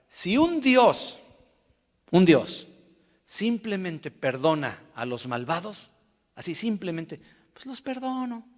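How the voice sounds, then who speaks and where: A man preaching a sermon, swinging from hushed tones to shouting and calling his listeners brother. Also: fairly high pitch, in a large hall.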